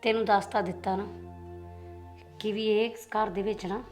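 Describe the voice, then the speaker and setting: An actress playing a proud, sharp-tongued wife bickering with her husband in a short film. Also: mid-range voice, little pitch movement, normal speed, faint music behind, natural voice. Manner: taunting, bickering.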